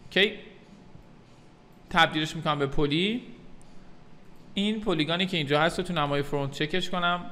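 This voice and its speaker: Man, software tutor; bright, slightly high voice, calm step-by-step delivery. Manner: calm step-by-step explaining, addresses viewers as kids. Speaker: 3D modeling tutor.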